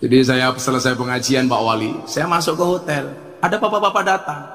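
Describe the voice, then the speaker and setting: A man's voice: medium pitch, steady tone, brisk, fairly bright tone, reverberant, in a large hall, soft background music. A man with a Javanese accent giving a humorous sermon, telling stories with jokes and switching into Javanese and broken English. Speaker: preacher. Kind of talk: humorous religious sermon to a crowd.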